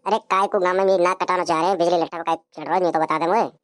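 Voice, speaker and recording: A woman voicing a grumpy middle-aged village uncle in a cartoon comedy, with a rural Rajasthani accent and a gruff, scolding manner. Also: lowish voice, steady tone, racing, no room sound, pitched below the performer's own voice, lightly acted.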